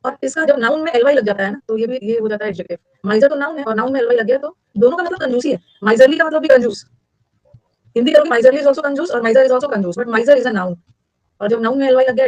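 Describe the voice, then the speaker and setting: A middle-aged woman teacher rattles through a vocabulary lesson at a rapid clip. She repeats key words and fires questions at her students. Her voice sits a little high and sounds close and dry. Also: a little mellow, no echo, low-quality recording. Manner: quick, drilling repetition and quizzing. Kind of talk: vocabulary lecture.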